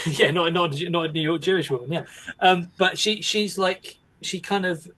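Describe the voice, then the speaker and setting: A man's voice: a little high, moderate pace, sharp tone. A man, co-hosting a casual film podcast, rambling and wry, often breaking off mid-sentence. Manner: rambling, self-interrupting, wry. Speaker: podcast co-host.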